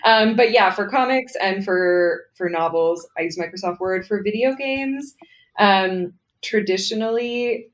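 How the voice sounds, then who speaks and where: A woman's voice: mid-range voice, a little slow. A young adult woman, a writer guest in a casual interview, explaining her work in a chatty way and laughing often. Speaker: guest, writer for comics and games.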